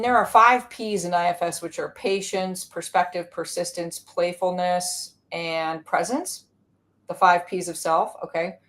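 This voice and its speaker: A woman's voice: lowish voice, fairly bright tone. A woman guest explaining inner-healing ideas in casual conversation, peppering her talk with "like" and "right?". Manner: casual, many "like" and "right?" checks.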